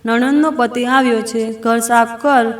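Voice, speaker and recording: A woman voicing a harsh, scolding mother-in-law who shouts orders, in an echoey room. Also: a little high, steady tone, unhurried, close to an everyday voice. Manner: shouting, commanding.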